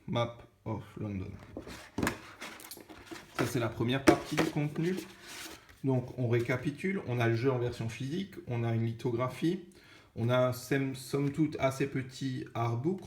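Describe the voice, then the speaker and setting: Hosting a laid-back unboxing video, this young man has an Alsatian French accent and a medium-pitched, darkish voice at a moderate pace. His talk is full of fillers and self-corrections, recorded in an echoey room with faint noise.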